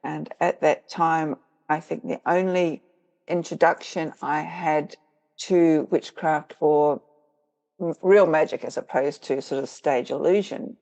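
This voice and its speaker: In lo-fi sound, a middle-aged woman with a New Zealand accent speaks in a low, steady, gravelly and slightly mellow voice at a measured pace. Hailing from rural New Zealand, this witch and author is a guest in a conversational interview, telling her story in a reflective, relaxed way punctuated by easy laughter.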